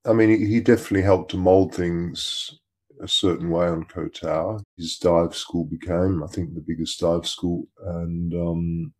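A man's voice: little pitch movement, unhurried, darkish tone. A man being interviewed about the past, his voice electronically altered to hide who he is, talking in a hesitant way with restarts. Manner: hesitant, repeats words and restarts. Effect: voice electronically altered to disguise identity, deep. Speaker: interviewee, former employee. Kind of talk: casual recollection in an interview.

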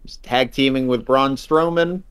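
A man's voice: medium pitch, a little slow, clean tone. A man co-hosting a podcast in casual chat, rambling with lots of fillers and dry jokes. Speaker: podcast co-host.

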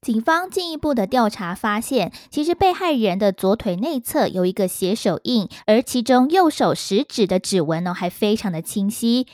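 A woman's voice: fairly high pitch, lively intonation, moderate pace, few pauses, darkish tone, dry recording, studio quality. A woman narrating true crime as a storyteller.

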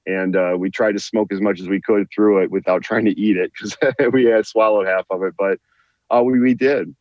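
A man's voice: lowish voice, steady tone, moderate pace, no echo. A man who is a guest on a talk show, telling a long personal story and often repeating and restarting his words. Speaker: guest, veteran author. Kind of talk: storytelling in an interview. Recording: muffled dry lo-fi line.

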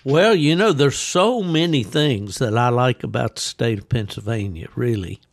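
An older American man from West Virginia chats casually as a podcast host, rambling and folksy with a gravelly voice. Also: medium pitch, lively intonation, moderate pace, no room sound, studio quality. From West Virginia, United States. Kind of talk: casual chat, reminiscing. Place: at home in a hot room he calls a sauna, fan and ice bucket.

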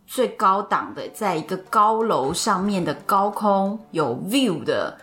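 A woman with a Taiwanese Mandarin accent hosting a podcast, telling a story in lively casual chat and laughing often. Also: medium pitch, unhurried, faint music behind. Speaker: podcast host.

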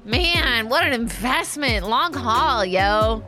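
A woman's voice: fairly high pitch, expressive, slow. A woman chatting casually and playfully as a player in a tabletop role-playing game. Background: background music.

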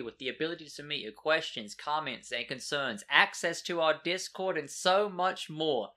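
Bright-voiced chatty man co-hosting a podcast. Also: a little high. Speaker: podcast co-host. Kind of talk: casual podcast chat.

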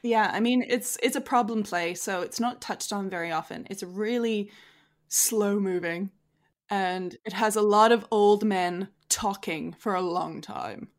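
A woman's voice: medium pitch, unhurried. A young woman from Canada, a stage actor, talking enthusiastically as an interview guest. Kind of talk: casual interview.

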